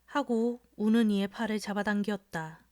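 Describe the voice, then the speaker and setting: A woman narrating a classic story in a calm bedtime reading. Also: medium pitch, normal speed. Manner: soft, even storytelling.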